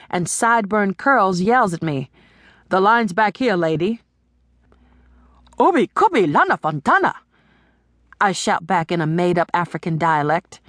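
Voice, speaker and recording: A woman narrating a novel in the first person, with a wry, sassy and expressive delivery. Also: medium pitch, dry recording, clean studio sound. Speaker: audiobook narrator.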